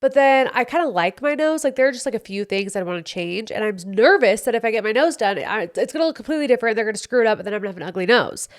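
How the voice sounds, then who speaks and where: Talking very fast with hardly any pauses, this young podcast host chats on her own about her week, candid and playful. Her fairly high, animated voice comes through a studio mic and sounds slightly congested.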